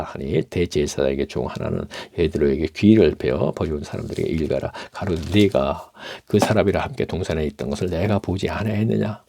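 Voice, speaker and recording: Low gravelly man teaching the Bible. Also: mellow, no room sound. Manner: reads scripture aloud, then explains it in plain conversational asides. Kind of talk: Bible reading and lecture.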